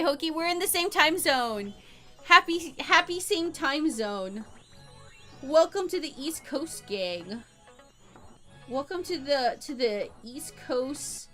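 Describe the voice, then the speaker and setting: A woman livestreams while drawing, chatting casually with viewers in a bubbly, rambling way, often repeating herself and giggling. Her voice sits high with a sharp tone.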